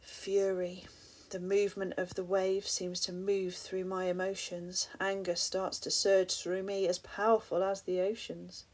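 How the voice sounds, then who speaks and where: A woman reading rhyming spoken-word poetry aloud in a soft voice that often drops to a breathy half-whisper, at times turning to ask the listener reflective questions. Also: medium pitch, flat delivery, measured pace, few pauses.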